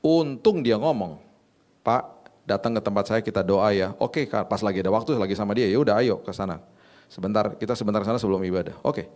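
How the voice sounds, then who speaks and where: A man's voice: on the low side, brisk, a little mellow. A middle-aged man, preaching a sermon in a casual, conversational way and acting out stories. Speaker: pastor.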